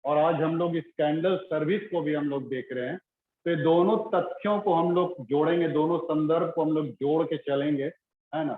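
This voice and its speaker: A male pastor with a somewhat raised pitch delivers a sermon in loose, conversational Hindi-style preaching, circling back on his phrases. The church around him rings, and the sound comes through thin and phone-like, with a faint hiss. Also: steady tone, normal speed. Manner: conversational, repeats phrases, many fillers. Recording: echoey church on a tinny phone-like line.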